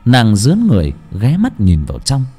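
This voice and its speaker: A man narrating an audiobook in an expressive storytelling manner. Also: medium pitch, brisk, husky, soft background music. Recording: long hall reverb.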